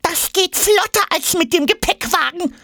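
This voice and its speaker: A man voicing a cheeky, jealous little male braces case in a children's audiobook, with a squeaky, excitable voice. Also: normal speed, gravelly, no room sound, studio quality, heavily acted. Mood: cheerful. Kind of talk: audiobook role.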